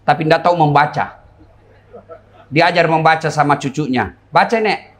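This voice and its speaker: A middle-aged man from Indonesia, preaching a humorous sermon before a crowd, acting out characters and shouting punchlines. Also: a little high, moderate pace. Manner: jokey, plays characters and shouts for laughs. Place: large event before a crowd.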